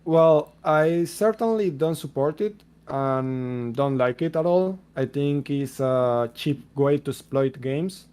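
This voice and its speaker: A man with a Spanish accent answering community questions on a voice call in a relaxed, explanatory way. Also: mid-range voice, slow, hardly any pauses, smooth. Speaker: game developer answering questions. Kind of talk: casual voice-chat Q&A.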